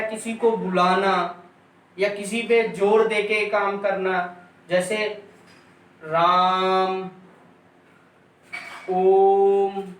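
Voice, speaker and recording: A male teacher with a high voice gives an exam-prep lecture, repeating points and drilling sounds aloud for his students. He sounds far from the mic, in an echoey room with faint noise.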